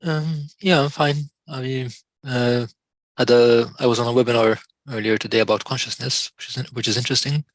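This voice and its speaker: A man's voice: medium pitch, steady tone, moderate pace, no echo, poor audio. A man checking in on a group video call, casual and hesitant. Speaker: call participant.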